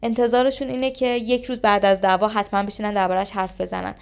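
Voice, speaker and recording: Gravelly-voiced woman giving relationship advice. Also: medium pitch, flat delivery. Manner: instructive, acts out short example lines of couples arguing. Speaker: relationship advisor. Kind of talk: advice talk to camera.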